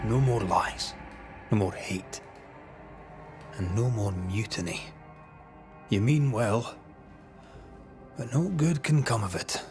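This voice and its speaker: A man playing a solemn, righteous ghost hunter in a video game, measured and confronting. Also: fairly low pitch, music in the background. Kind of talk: dramatic video game acting.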